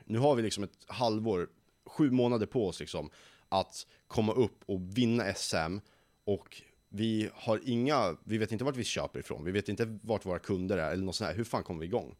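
A man's voice: lowish voice, no echo. A nineteen-year-old man, a young company founder, telling stories in a casual interview and acting out the people he quotes. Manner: lively storyteller who acts out quoted voices.

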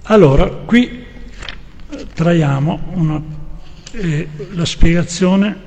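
A man's voice: fairly high pitch, slow, vocal fry, darkish tone. A man giving a devotional class, explaining with rhetorical questions and reading prayers aloud, sometimes hesitating. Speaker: devotional speaker. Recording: long hall reverb.

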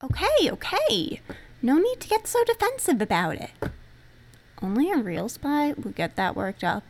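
A woman playing an excitable, playful young woman who teases others and gets thrilled easily. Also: high voice, measured pace, exaggerated voice. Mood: teasing. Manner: bubbly, teasing, easily thrilled.

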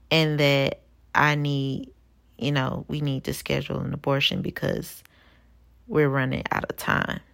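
A woman's voice: low voice, creaky. A woman hosting a podcast, telling a personal story in a candid, rambling way with lots of "you know" and "like". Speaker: podcast host.

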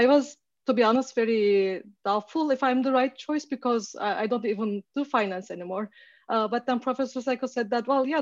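A woman's voice: a little high, dry recording. Hesitant woman from Turkey, lo-fi call. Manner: hesitant, many fillers and restarts. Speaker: guest speaker. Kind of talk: casual online talk.

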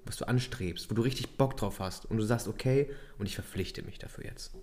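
A man's voice: on the low side, a little fast, a little mellow. A man co-hosting a podcast, emphatically challenging listeners with rhetorical questions. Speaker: podcast co-host. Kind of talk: casual coaching talk.

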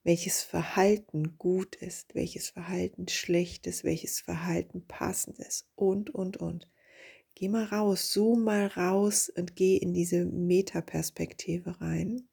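A woman hosting a reflective spiritual podcast, speaking slowly and softly and dropping into whispers on her key questions. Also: on the low side. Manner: slow, soft and breathy, drifting into whispers on key questions. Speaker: podcast host and coach.

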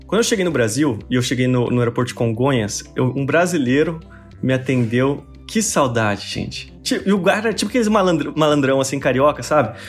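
A young Brazilian man with a Brazilian Portuguese accent, telling stories as an interview guest in an animated, expressive way. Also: medium pitch, fairly quick, soft background music. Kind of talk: casual interview storytelling.

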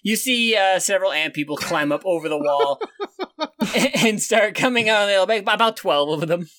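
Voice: medium pitch, lively intonation, normal speed, fairly bright tone, dry recording, clean studio sound. A game master improvising narration for a tabletop game, casually talking with the players.

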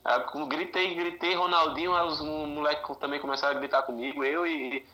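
A Brazilian man with a Brazilian Portuguese accent, a guest on a podcast, tells stories casually among friends in a joking, slangy, animated way, acting out the dialogue. His voice is fairly high, steady, brisk, and sharp in tone. The audio quality is poor.

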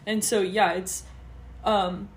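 A young woman co-hosting a casual faith podcast, chatting and acting out her own thoughts in quick quotes. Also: mid-range voice, level tone, slight background noise. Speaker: podcast co-host.

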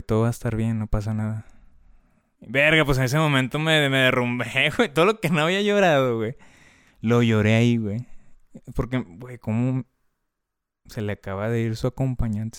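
A man's voice: mid-range voice, clear, resonant tone, no echo, studio quality. A man with a Mexican accent talking casually and candidly about family loss, with heavy slang and filler words. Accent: Mexican Spanish. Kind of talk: casual conversation.

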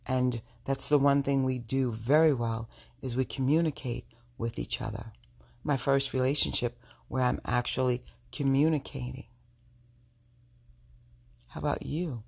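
A woman with a sultry, husky voice, speaking intimately and reflectively to her listeners as a solo podcast host. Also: a bass voice, measured pace.

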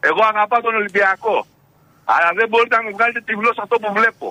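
A man's voice: high voice, bright, forceful tone, no echo, low-quality recording. A male radio show host with a Greek accent in a heated sports debate, emphatic and argumentative, often cutting in. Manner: argumentative, emphatic, keeps interrupting.

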